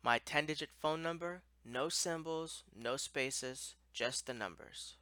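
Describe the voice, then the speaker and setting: Male instructor for a step-by-step walkthrough: plain-spoken, crisp bright tone, close dry sound. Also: fairly high pitch, slow pace, no room sound. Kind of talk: explanatory software walkthrough.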